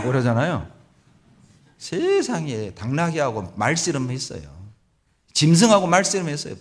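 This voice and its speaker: A middle-aged male pastor preaching a sermon in a church, telling Bible stories with animated delivery. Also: medium pitch. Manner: animated storytelling, acts out biblical voices. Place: church sanctuary.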